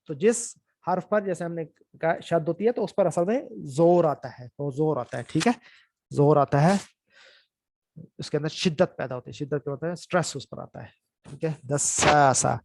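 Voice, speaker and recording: A man teaching Quran reading, who spells out letters and vowel marks slowly, then speeds up to explain, and keeps checking in with his students. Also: a little high, darkish tone. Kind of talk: recorded reading lesson.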